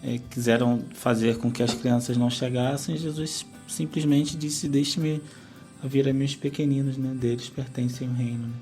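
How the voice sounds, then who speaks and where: Gravelly consoling man. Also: medium pitch, fairly even intonation, moderate pace, dark tone, soft background music. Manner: consoling, keeps adding "né?". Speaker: radio program host. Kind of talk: pastoral interview conversation.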